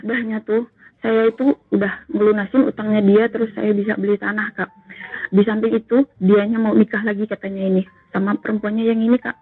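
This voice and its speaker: A woman's voice: mid-range voice, flat delivery, brisk, no room sound. Woman telling her story on a tinny phone line. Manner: earnest, keeps addressing the host as "Kak". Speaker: caller sharing a personal story.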